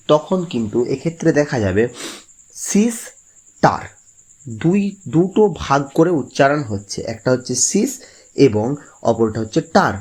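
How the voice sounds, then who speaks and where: Guy teaching grammar, patient, says example words real slow. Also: medium pitch, a little mellow. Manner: explains patiently, drawing out example words slowly. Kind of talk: grammar lesson.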